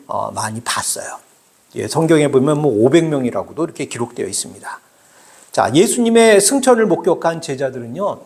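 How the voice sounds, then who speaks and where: A middle-aged male pastor preaching a sermon in a conversational way, explaining with everyday examples. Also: a little high.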